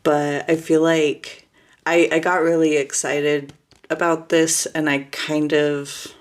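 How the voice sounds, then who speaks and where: Introducing herself casually to viewers, this woman speaks low and slow in a steady, flat monotone with little pitch movement. She frequently hesitates, using fillers and starting over.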